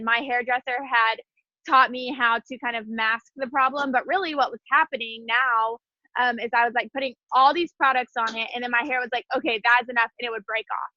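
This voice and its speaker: A guest speaker in her twenties chats about her story on a video call from outside in the wind, her voice a little high and slightly stuffy from sneezing. She's chatty and giggly, with lots of fillers. The recording is dry and lo-fi.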